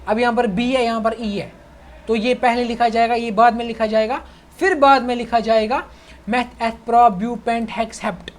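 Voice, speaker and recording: Teaching chemistry in a casual online session, a young man speaks with a very high voice, fairly even intonation, and a measured pace. He's chatty, calls his students "bhai," and checks whether they're following.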